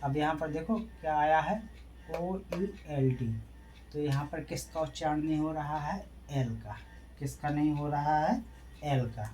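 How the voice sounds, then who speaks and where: A man's voice: fairly high pitch, measured pace, darkish tone, a little hiss or hum. A man teaching a classroom lesson. He asks questions and answers them himself, and spells out letters one at a time. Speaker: English teacher. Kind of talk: classroom lesson explained in Hindi.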